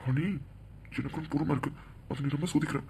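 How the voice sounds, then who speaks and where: A man voicing a young man in a cartoon, gently teasing and persistent. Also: a little high, little pitch movement, fast talker, creaky, slight background noise. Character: young man leaving for abroad, tender and teasing. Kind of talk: cartoon voice acting.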